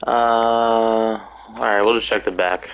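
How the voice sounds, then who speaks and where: A man hosting a casual video game playthrough, chatty and slangy, thinking out loud as he plays. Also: on the low side, steady tone, slow, smooth, poor audio. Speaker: gaming channel host. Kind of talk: casual let's-play commentary. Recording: gameplay commentary with faint music behind.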